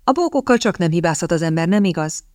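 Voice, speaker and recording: A determined young lady, as a woman narrator puts her on speaks with brisk, pointed urgency like a stern older sister. The voice is lowish and recorded dry and close. It plays as an audiobook character. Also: expressive, a little mellow, dry recording, lightly acted. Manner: brisk, pointed, at times hissing.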